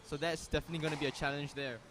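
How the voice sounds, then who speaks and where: A young man giving relaxed, chatty live commentary on a squash match. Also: a little high, rapid-fire, background noise. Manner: relaxed, chatty, says "man" and "you never know". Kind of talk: casual live sports commentary.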